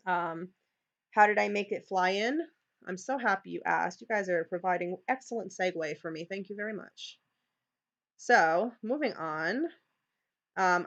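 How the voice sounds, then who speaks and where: A woman's voice: mid-range voice, highs cut off. A woman with a New York accent leading a live screen-share tutorial for teachers, chatty, with many "okay"s and restarts. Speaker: teacher leading a training session.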